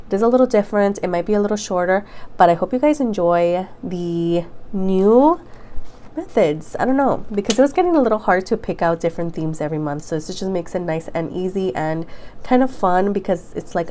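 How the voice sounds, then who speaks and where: A woman's voice: medium pitch, dark tone, a little hiss or hum. A young woman vlogging about her makeup collection in a casual chat, her voice nasal and congested from a cold. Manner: chatty, upbeat, says "girl" and "go ahead".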